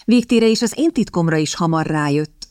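A woman's voice: low voice, lively intonation, darkish tone, dry recording, studio quality. A woman voicing a determined young woman in an audiobook, speaking in a coaxing, persuasive manner. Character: sharp, determined young woman seeking a husband.

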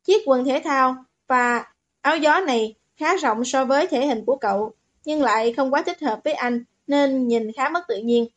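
A woman narrating a novel as an audiobook, in steady, even storytelling. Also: sits high, moderate pace.

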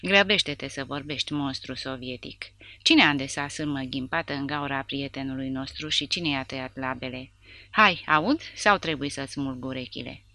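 A harsh, sneering male soldier hurls threats at his prisoners, as a woman reads him in an audiobook. The voice is gravelly and low, with a bright edge. The sound is close and completely dry. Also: no room sound, heavily acted. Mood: menacing. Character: brutal mocking male soldier interrogator.

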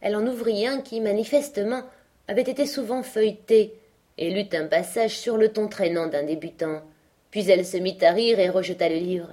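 A woman with a mellow voice reads a classic novel aloud at normal speed as a scripted audiobook narration. For quoted speech, she raises her pitch and volume.

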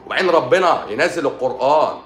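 A man's voice: a little high, animated, fast, roomy sound, faint music behind. An Egyptian man with a sore throat, a doctor hosting a live stream, chatting casually and sarcastically while answering viewers' comments. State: sore throat and swollen eye.

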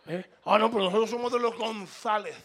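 A preacher with a Latin American Spanish accent takes questions from his congregation, delivering an impassioned, informal sermon that is emphatic and repetitive as he prods listeners to respond. His voice sits high, brisk and a bit bright.

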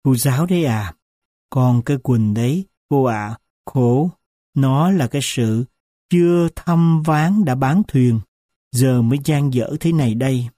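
A man voicing a weary, grieving old grandmother who speaks slowly in a low, choked voice. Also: mellow, no echo, studio quality, close to an everyday voice. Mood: sorrowful.

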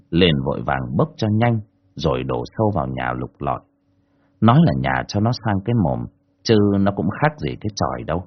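A man narrating a dramatic folk tale in a husky, low voice. His delivery is expressive and lively, with wide swings in pitch. The recording is dull and lo-fi. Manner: expressive, colloquial. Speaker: storyteller.

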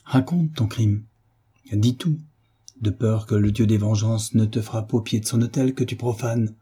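A man's voice: lowish voice, steady tone, measured pace, dark tone, husky. A man reading the part of a severe village priest who speaks with grave command. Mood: stern. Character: stern, severe male village priest hearing confession.

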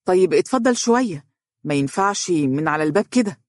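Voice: mid-range voice, fairly even intonation, fast, darkish tone, no echo, lightly acted. A storyteller voicing a polite, anxious young male teacher who speaks with an Egyptian accent in a restrained way. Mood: tense. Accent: Egyptian Arabic.

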